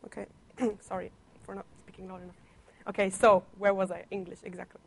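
In a low-quality recording with slight background noise, a young woman speaks briskly in a gravelly, mid-range, level voice. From Germany, with Italian and German as first languages, she's a visiting guest speaker on church placement giving her personal testimony, conversational and playfully teasing, with a slight cough.

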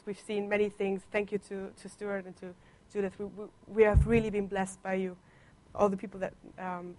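Speaking with a medium-pitched, slightly mellow voice, this young German woman gives her personal testimony during a church talk. She grew up speaking Italian and German and is a visiting guest speaker on a church placement. Her delivery is conversational and playfully teasing, broken by a slight cough.

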